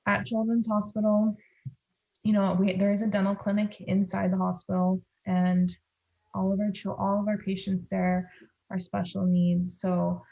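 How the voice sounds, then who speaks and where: A woman's mellow, creaky, mid-range voice comes through slightly dull lo-fi audio at a moderate pace with flat delivery. She is a pediatric dentist from Los Angeles with a Californian American accent, talking casually as a podcast guest.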